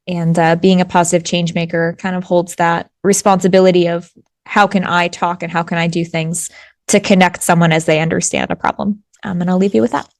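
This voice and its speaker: A woman's voice: lowish voice, a little fast. A woman guest speaker on a video call giving reflective closing remarks, with fillers.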